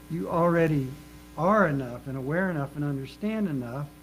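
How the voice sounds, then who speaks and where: A man delivers a sermon with earnest emphasis, building rhythm by repeating his phrases. His voice sits a little higher than most men's. A faint mains hum runs under the recording. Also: a little mellow, rough recording. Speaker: minister.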